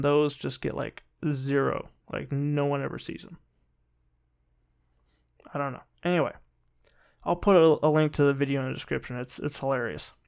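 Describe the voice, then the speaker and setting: A man giving casual political commentary in a rambling, halting and sometimes sarcastic way, often restarting his sentences. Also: a little high, gravelly, clean tone. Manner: rambling, halting delivery with repeated false starts. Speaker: political commentary video host.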